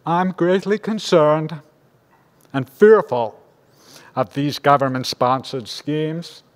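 An older man, a rabbi, giving a measured, grave sermon at a lectern microphone in a large synagogue sanctuary. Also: on the high side, steady tone. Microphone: lectern microphone on a stand. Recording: long reverb of a large hall.

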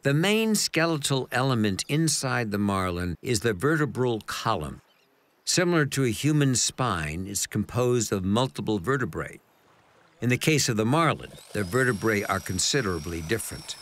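A man's voice: mid-range voice, expressive, moderate pace, a bit bright. A man reading scripted narration for a nature documentary.

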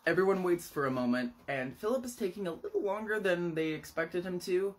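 Podcast host retelling a horror book, casual and animated, lots of dramatic pauses. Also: mid-range voice.

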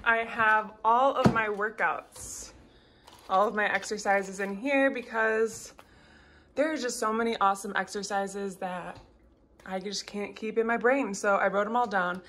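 Her mid-range voice is steady, a bit bright, and a little slow as this twenty-something fitness vlogger cheerfully walks through her workout plan and coaches technique. She films on a phone at arm's length at home, in the car, and as voice-over over gym clips. The audio is roomy with slight background noise.

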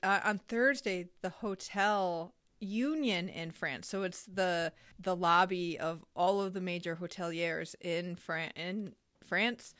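A woman hosting a podcast, talking in a brisk, chatty way and laughing easily. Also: on the low side, fairly bright tone, no echo, studio quality. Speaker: podcast host. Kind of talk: casual podcast chat.

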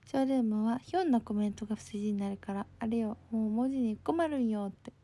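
A woman's voice: fairly high pitch, fast, dark tone. A young woman with a Kansai accent, casually chatting on a live stream, reading comments and thanking viewers, a bit sleepy. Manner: bubbly, thanks viewers often. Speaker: livestream host.

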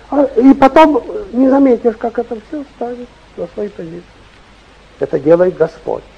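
An older man, in his sixties or beyond, preaching an informal, emphatic sermon with repeated phrases and a raspy voice, speaking at a stand microphone. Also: sits high, dull audio, a little hiss or hum. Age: 60s or older. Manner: emphatic, repetitive, acting out short anecdotes and dialogue. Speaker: bishop preaching. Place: stage of a hall, indoors.

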